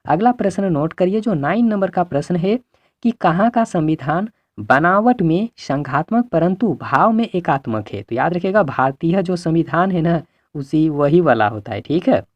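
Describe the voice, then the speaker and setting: A man's voice: fairly high pitch, lively intonation, moderate pace, dry recording. A male teacher walking students through exam questions in an earnest, repetitive way, with a Hindi-belt Indian accent. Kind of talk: exam-prep lesson.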